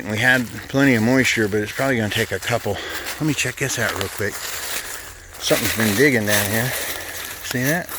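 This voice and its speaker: A man's voice: on the low side, background noise. A middle-aged man, chatting casually while walking through woods and fields for his vlog, folksy and easygoing. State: out of breath at times. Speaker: vlogger. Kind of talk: casual hiking vlog narration.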